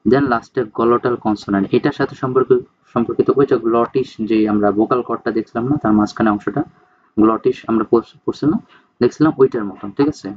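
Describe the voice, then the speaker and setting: A male teacher gives a casual spoken lecture. He keeps checking in with his students and reads terms slowly before explaining them. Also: medium pitch, lo-fi sound. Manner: explains slowly, often checks in with "ঠিক আছে?".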